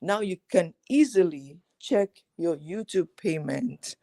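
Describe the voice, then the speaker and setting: A woman guest talks over a remote call in a lively, chatty way and laughs easily. Her voice comes through dry and close, with no room sound around it. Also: on the low side, takes it slowly, no room sound. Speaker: guest YouTuber. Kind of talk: casual live chat.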